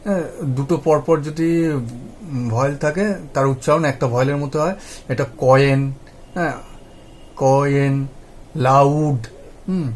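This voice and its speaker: A man's voice: a little high, normal speed, long pauses, slight background noise. A man teaching English pronunciation. He spells words out letter by letter, repeats them and checks often that the viewer follows. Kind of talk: spoken lesson.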